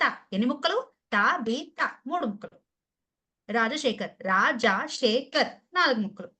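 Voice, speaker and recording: Brief: woman trainer, Telugu accent, higher voice, playful teasing class host on a video call. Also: a bit bright. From Andhra Pradesh or Telangana, India. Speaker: English pronunciation trainer. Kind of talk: online class.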